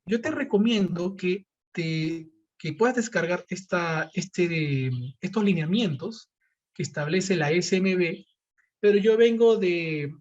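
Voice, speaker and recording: A man's voice: sits high, muffled recording. A man giving an online seminar lecture, explaining step by step and posing questions he then answers himself. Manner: explanatory, asks and answers his own questions. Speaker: seminar presenter.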